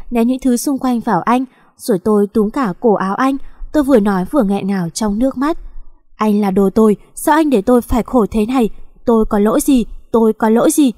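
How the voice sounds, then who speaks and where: A woman narrating a first-person story in a calm, even reading voice. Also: mid-range voice.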